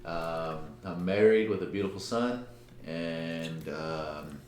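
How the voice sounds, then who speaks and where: A young man from Colombia co-hosting a casual podcast, halting and repeating words, joking around. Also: sits low. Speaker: podcast co-host. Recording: echoey room, faint background noise.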